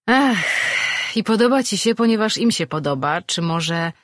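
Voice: mid-range voice, lively intonation, normal speed, voice pushed up, lightly acted. A reader voicing a firm young sorceress. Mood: teasing. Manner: firm, coaxing, speaking simply to a pet.

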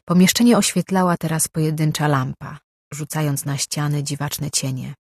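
Give me an audiobook narrator with a husky voice, reading steadily in a dry studio sound. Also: mid-range voice, steady tone, moderate pace, no room sound. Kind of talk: scripted narration.

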